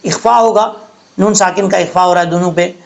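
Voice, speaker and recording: High-voiced male recitation teacher. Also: fairly even intonation, vocal fry. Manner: patient, explains each letter slowly, then recites in a melodic chant. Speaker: Quran tajweed teacher. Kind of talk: step-by-step recitation lesson.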